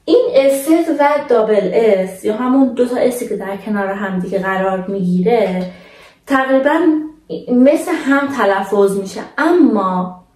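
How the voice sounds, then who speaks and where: A woman's voice: fairly high pitch, a little mellow, recorded from a distance. Patient young woman teaching, echoey room. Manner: patient, addresses viewers as kids, slows down to model words. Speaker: German language teacher. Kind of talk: casual explanatory lesson.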